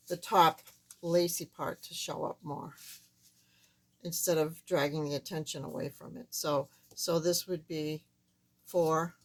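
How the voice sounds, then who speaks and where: A woman with a thin, squeaky, reedy voice that is not quite back to normal, giving a casual, step-by-step craft tutorial in a halting way. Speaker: card-making tutorial host.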